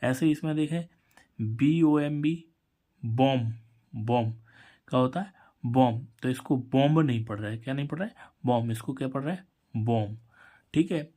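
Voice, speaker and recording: A man's voice: mid-range voice, brisk, warm tone. A man teaching English pronunciation, spelling words out letter by letter and answering his own questions. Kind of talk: Hindi-language English lesson.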